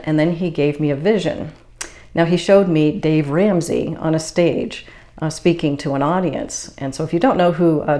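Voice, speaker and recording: Hosting her own video, a spiritual channeler from the Boston area, USA, explains things in a relaxed, casual monologue. Her voice is low-pitched and her manner calm.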